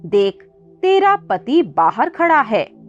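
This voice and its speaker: A woman voicing a kindly old Brahmin woman, a goddess in disguise, who talks gently and comfortingly, over faint music on a dull recording. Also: a little high, big pitch swings, takes it slowly.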